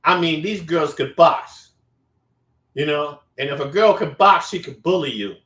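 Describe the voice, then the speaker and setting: High, bright-voiced man telling stories. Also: measured pace. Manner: blunt, profane, rambling. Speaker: show host. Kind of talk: casual storytelling to viewers. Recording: roomy echo.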